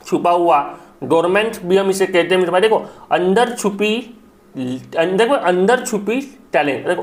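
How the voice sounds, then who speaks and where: A male teacher with a notably high voice, running an exam-prep vocabulary lesson. He drills each word over and over and keeps checking that the viewer is following. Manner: repetitive and coaxing, keeps saying "my brother" and "isn't it".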